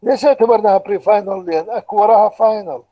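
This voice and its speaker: High-voiced Iraqi man lecturing. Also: racing, lo-fi sound. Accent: Iraqi Arabic. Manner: patient, explains step by step with rhetorical questions. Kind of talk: online university lecture. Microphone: computer microphone, online lecture.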